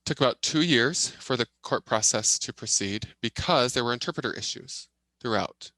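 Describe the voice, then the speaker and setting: A man voices a signed presentation as a simultaneous interpreter. His voice is bright and forceful at a medium pitch, and his phrasing comes in short, halting bursts. The sound is close and dry. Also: expressive, no room sound. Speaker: sign language interpreter voicing a deaf presenter.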